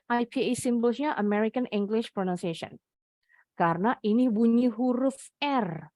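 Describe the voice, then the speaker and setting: A woman's voice: medium pitch, darkish tone, dry recording, clean studio sound. A young woman with an Indonesian accent teaching an online English lesson, patiently explaining each word in English and then Indonesian.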